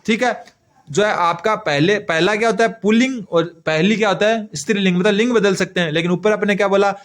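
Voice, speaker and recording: A man's voice: high-pitched, brisk. A man teaching an exam-prep grammar lesson, asking questions and answering them himself, repeating key terms while he writes on a board.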